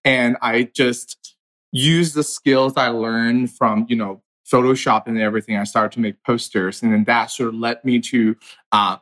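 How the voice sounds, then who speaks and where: A man in his thirties from China speaks at a middle pitch. He tells his story earnestly, with many fillers, in a casual chat. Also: steady tone, unhurried, fairly bright tone. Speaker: artist and designer. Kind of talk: casual conversation.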